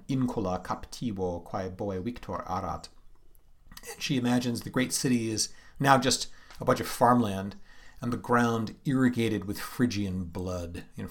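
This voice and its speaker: A man giving a lecture, explaining slowly and deliberately with frequent fillers. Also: medium pitch. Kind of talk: recorded lecture with read-aloud passages.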